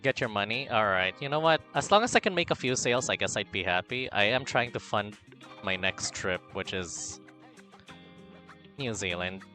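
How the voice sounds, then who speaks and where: A Filipino streamer chats casually on a livestream, reading the chat aloud in a campy, animated style. He swings between quiet mumbling and loud bursts of excitement. His voice is lowish, his speed normal, with soft music playing in the background.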